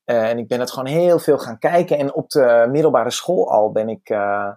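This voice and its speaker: A Dutch man in a relaxed conversational interview, with a medium-pitched voice and a Dutch accent. He speaks as a guest, feeling his way through sentences and searching for words. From Netherlands. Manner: halting, searching for words in German. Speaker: cabaret performer, interview guest.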